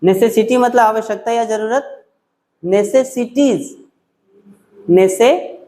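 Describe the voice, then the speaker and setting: Slow, syllable-stretching male teacher. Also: high voice, a little mellow. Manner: slow, drawn-out, repeats words syllable by syllable. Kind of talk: exam-prep English spelling lesson.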